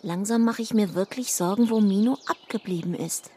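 A woman's voice: medium pitch, moderate pace, warm tone, a little hiss or hum, natural voice. A woman voicing a young, spirited girl elf in a children's story. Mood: eager worried.

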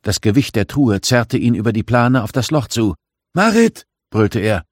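Male audiobook narrator, low register, dramatic first-person reading, dry close-mic sound. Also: moderate pace, no echo. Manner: dramatic reading, raising pitch for shouted lines.

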